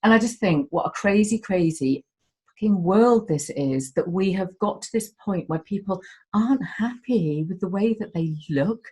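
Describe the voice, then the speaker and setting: A woman's voice: mid-range voice, animated, moderate pace, darkish tone, breathy edge. A woman speaking as a guest in a candid conversation, heartfelt and emotional, swearing casually as she talks.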